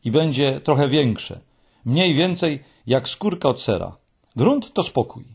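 Calm wise creature woman, voiced by a man. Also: medium pitch, gravelly, breathy edge, exaggerated voice. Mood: reassuring. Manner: calm, unhurried. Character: calm, wise female creature, patient and practical.

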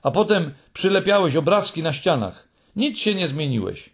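A man's voice: on the high side, sing-song, moderate pace, slightly rough, voice pushed up, heavily acted. A man doing a tiny, cheeky little girl. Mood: teasing. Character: tiny cheeky girl creature, cheerful, bold.

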